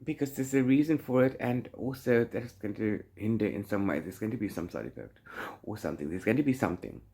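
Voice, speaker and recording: In this chatty reading vlog, a man speaks quickly in a fairly low, creaky, dark voice full of animation. He rambles playfully and theatrically like the book vlogger he is, letting sentences fade into "blah blah" and "la-la."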